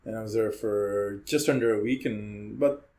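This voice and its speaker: Guesting on a casual podcast, a criminal defense lawyer in his forties who grew up in Hong Kong talks freely in a fairly low, slightly mellow voice at a moderate pace. He's a chatty storyteller with a habit of ending sentences with "right?".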